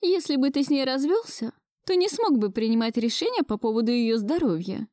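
A stubborn old grandmother who nags and turns tearful, put on by a woman reading a storybook. The voice sits well up, mellow in tone and dry, with a shrill, scolding edge. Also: big pitch swings, a little fast, dry recording. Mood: reproachful.

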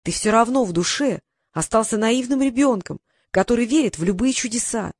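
A cheeky young apprentice mage, voiced by an audiobook reader, lecturing his enemy with sarcastic scorn. The voice is pitched up and lively. The recording is close and dry. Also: brisk, no echo.

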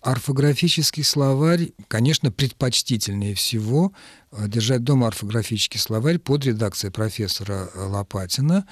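Measured male radio language expert. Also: mid-range voice, animated, no room sound, studio quality. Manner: measured, explanatory, with hesitations. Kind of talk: radio call-in answers. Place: radio studio.

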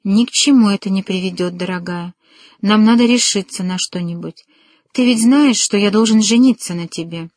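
A woman's voice: mid-range voice, moderate pace, a little mellow, no room sound, natural voice. Woman reading as ardent young male suitor, tender and resolute, audiobook, dry close sound. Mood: earnest.

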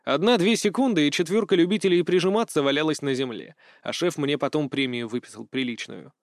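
A man's voice: a little high, fairly quick, no room sound, studio quality. Man narrating an audiobook. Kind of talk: first-person audiobook narration.

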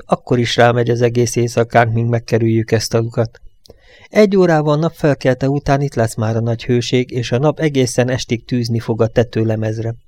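A man voicing a panicky, worn-out truck driver who pleads in a shrill, frantic voice. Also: darkish tone, no echo, natural voice.

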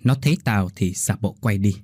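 A man's voice: fairly low pitch, normal speed, darkish tone, slightly rough, no echo, clean studio sound. A man voicing a nosy, gossiping woman neighbor at the market who insists on being heard. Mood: gossipy.

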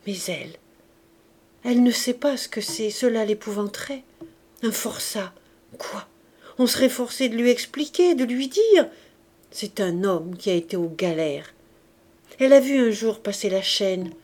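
A woman reading aloud, voicing a broken old man who pleads in a hushed, sometimes whispered voice. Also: mid-range voice. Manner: hushed, trembling, at times whispered.

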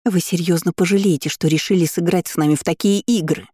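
A woman's voice: medium pitch, brisk, no room sound, clean studio sound, lightly acted. A woman voicing a haughty, furious young aristocratic woman who spits threats. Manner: spiteful, shouting threats.

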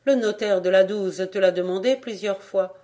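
A worried peasant mother from an old country story, as the reader puts her on. She speaks softly and pleadingly, in a plain middle voice. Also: mid-range voice, normal speed, natural voice.

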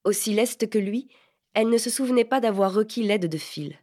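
A woman narrating a literary novel as an audiobook, measured and clear. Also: mid-range voice, darkish tone. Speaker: audiobook reader.

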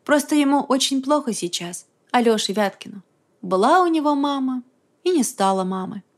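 A woman reading an audiobook, voicing a gentle young woman who speaks in a soft, soothing, reasonable way. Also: sits high, animated, moderate pace, pitched above the performer's own voice. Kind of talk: audiobook character voice.

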